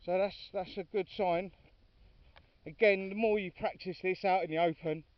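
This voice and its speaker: The sound is dry, dull and lo-fi, recorded off-mic far from the speaker: a man with a high voice, steady tone and moderate pace chatting casually as he films himself walking his dogs outside, calling them now and then.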